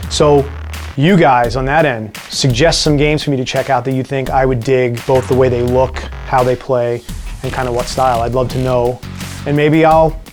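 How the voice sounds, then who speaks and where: A man with a New York accent answering viewer questions in a casual vlog, relaxed and wry with dry jokes. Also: mid-range voice, moderate pace, faint music behind.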